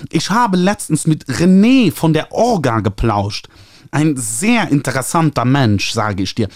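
Ein Mann mit luxemburgischem Akzent spricht einen übereifrigen, näselnden Verleger mit hoher, gedehnter Stimme. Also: male voice, fairly high pitch, big pitch swings, dry recording, clean studio sound, pitched above the performer's own voice. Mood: gushing. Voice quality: nasal. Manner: gushing, fussy, drawn-out. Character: overeager nasal male book publisher.

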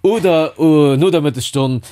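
A man being interviewed in a relaxed chat, talking hesitantly with frequent filler sounds and restarts. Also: a little high, moderate pace. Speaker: podcast guest.

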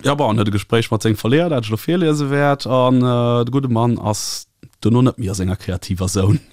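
Mann, luxemburgischer akzent, erzählt mittellage, zögert bei antworten, nah am mikro ohne hall. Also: male voice, medium pitch, brisk, studio quality. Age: 30s. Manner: lively reading, hesitant when answering. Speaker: author. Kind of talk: reading from his novel and interview answers.

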